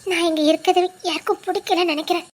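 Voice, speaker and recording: A woman's voice: very high-pitched, fairly even intonation, quick pace. A woman voicing an anxious but firm young wife who scolds and worries. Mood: worried.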